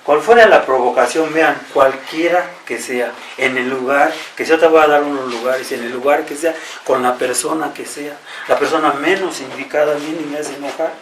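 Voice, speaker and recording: A man's voice: on the high side, steady tone, moderate pace, a bit bright, a little hiss or hum. A man with a Mexican Spanish accent preaching a sermon in an earnest, repetitive way and often turning to address the congregation directly. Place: church hall. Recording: roomy echo, from far off, faint ambience.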